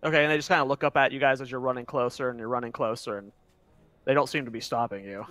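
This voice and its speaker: A man's voice: mid-range voice, fairly even intonation, quick pace, fairly bright tone, dry recording. A man running a tabletop game, narrating casually and improvising as game master.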